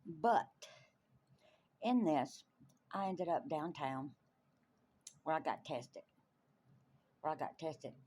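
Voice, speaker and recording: Woman, low-ish voice, animated testimony, emphatic repeats, faint background hiss. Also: takes it slowly, pauses often. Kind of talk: testimony storytelling.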